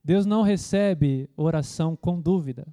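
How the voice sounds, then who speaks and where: A man's voice: a little high, moderate pace. A man preaching a sermon, often asking the congregation rhetorical questions and calling for amens. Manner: preaching with frequent rhetorical questions and calls of amen; acts out loud shouting prayers as a mock imitation. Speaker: pastor.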